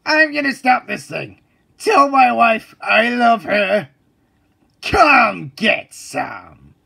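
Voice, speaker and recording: A stern cartoon drill sergeant of a driving teacher. His voice is high for a man, creaky and rough. He barks orders with military bluster, his pitch jumping about. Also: very animated, very slow, bright, forceful tone, full character voice. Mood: alarmed. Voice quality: gravelly, husky. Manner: barking, commanding, military. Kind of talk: cartoon voice acting.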